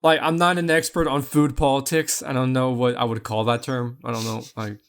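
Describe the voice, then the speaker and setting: A young adult man co-hosts a podcast, chatting casually in a medium-pitched, level voice with vocal fry at a fairly quick pace. He tells rambling, jokey stories, restarting his sentences often.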